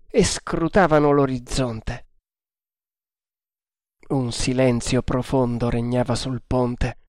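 A man reading an adventure novel aloud in a measured, deliberate narration. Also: medium pitch, a little mellow, clear, resonant tone, no echo, clean studio sound.

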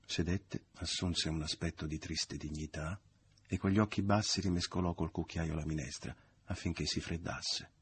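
A man narrating a novel as an audiobook, in a measured, even literary reading. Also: sits low, a little hiss or hum.

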